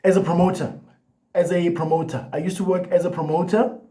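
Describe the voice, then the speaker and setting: This vlogger is a young man with a high, dark-toned voice who talks fairly quickly in a level tone. Addressing the camera casually, he stutters through repeated words and restarts, his loose phrasing filled with "like" and "you know."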